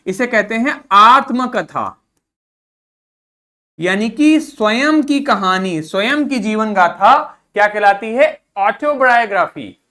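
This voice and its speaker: With a very high, bright, and forceful voice, a male schoolteacher runs a vocabulary class, explaining word roots in Hindi sprinkled with English terms. He breaks each word into its parts to drill pronunciation and asks the students to say them back.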